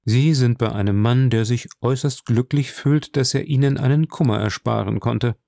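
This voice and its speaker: A man voicing a composed, middle-aged noble count in an audiobook, speaking low and measured. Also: gravelly, dark tone, dry recording, clean studio sound, lightly acted. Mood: courteous. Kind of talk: audiobook reading.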